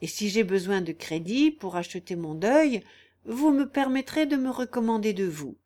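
A woman reading aloud, voicing a gentle, candid young peasant girl in mourning, with an earnest manner. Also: mid-range voice, expressive, moderate pace, natural voice.

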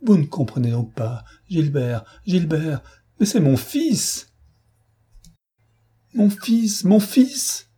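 Frantic high-pitched mother, husky-edged, read by a man. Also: sing-song, a little slow, warm tone, exaggerated voice. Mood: anguished. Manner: pleading, voice raised high in anguish. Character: desperate mother, middle-aged woman, frantic.

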